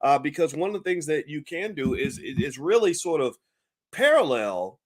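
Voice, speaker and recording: A man talks straight to his viewers in a loose, chatty commentary style. His voice sits a little high for a man, and he keeps restarting his sentences, laughing and asking the audience what they think. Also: big pitch swings, normal speed. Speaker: channel host. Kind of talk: casual talk-show commentary.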